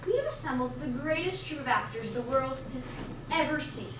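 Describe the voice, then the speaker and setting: A woman's voice: high-pitched, expressive, background noise. Teenage girl narrating a school play. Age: teens. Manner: brisk, mock-grand storytelling. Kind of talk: student stage comedy narration. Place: school theatre stage. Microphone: far camera in audience. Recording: echoey hall from far off.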